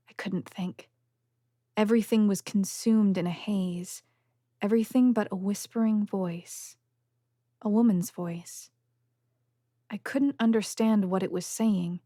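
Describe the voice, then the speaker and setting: A woman narrates a novel in the first person, her delivery measured and steady, easing into a hushed whisper in the quiet moments. Her voice sits at an ordinary middle pitch. The recording is dry and close, with no room sound around her. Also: dry recording. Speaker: audiobook narrator.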